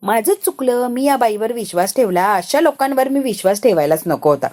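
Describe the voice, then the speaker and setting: A sharp-tongued, furious matriarch tears into the people around her, as a woman narrator puts her on. The voice sits a little high but keeps a mellow, warm tone. She is told as part of a spoken story recap. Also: lively intonation, fairly quick, close to an everyday voice. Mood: angry. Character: furious older woman, mother-in-law type.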